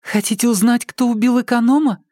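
A man's voice: extremely high pitch, fairly even intonation, brisk, darkish tone, dry recording, studio quality, pitched above the performer's own voice. A man voicing a jittery, pleading young woman. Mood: anxious. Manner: pleading, insistent questioning. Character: anxious, impulsive young woman.

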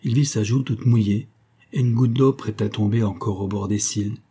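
A male audiobook narrator reading a classic novel in a measured, hushed way. His voice is low and dark, with a slightly husky edge. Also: steady tone.

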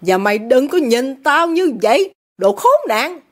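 A woman reads a furious middle-aged father who got rich by shady deals. He shouts insults at his daughter in a high, wildly swinging voice, bullying and contemptuous. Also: big pitch swings, moderate pace. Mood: raging.

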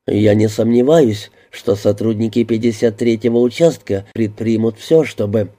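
A harried male police lieutenant, worn thin and snapping at his men, as a low-voiced narrator reads him. The tone is low and very dark. It is plain audiobook reading with the lines given some bite. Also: normal speed, close to an everyday voice. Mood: defensive. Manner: defensive to a superior, barking at his squad.

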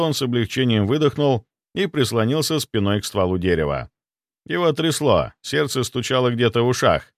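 A man reading an audiobook as narrator in an expressive storytelling manner. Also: medium pitch, no echo, studio quality.

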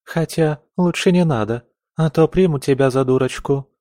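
A spoiled younger sister from a noble house, teary and quick to flare up, as a male narrator puts her on. The voice is raised high and whining, with a sob always close behind the words. It is recorded close and dry, with no room sound. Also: warm tone, no room sound, natural voice. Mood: snappish. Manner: whiny and sobbing, quick to anger.

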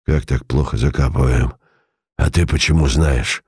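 A man voicing a vicious old bandit who rasps and snarls his words out slowly. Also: extremely low pitch, a little mellow, dry recording, studio quality, voice pushed down, full character voice. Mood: sullen. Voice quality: hoarse, rasping.

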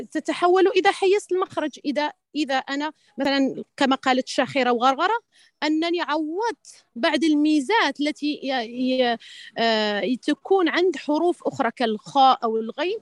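A woman's voice: sits high, lively intonation, fairly quick, no echo, clean studio sound. A woman teaching Quran recitation in an online lesson, speaking hesitantly with many restarts and pious interjections. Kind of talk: online tajweed lesson answering questions.

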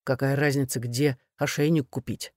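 A woman reading aloud, voicing a grumbling, placating middle-aged husband in a low, coaxing mutter. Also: animated, unhurried, a little mellow, dry recording, clean studio sound.

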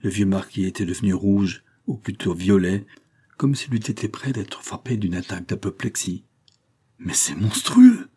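A man reading a classic novel aloud in steady, dramatic narration. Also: on the low side, normal speed, breathy edge. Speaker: audiobook reader.

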